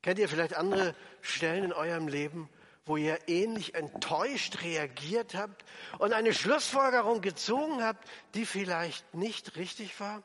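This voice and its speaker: Male preacher, fairly high voice, church reverb, lively sermon delivery. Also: unhurried. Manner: animated, acts out quoted voices, drops low for emphasis.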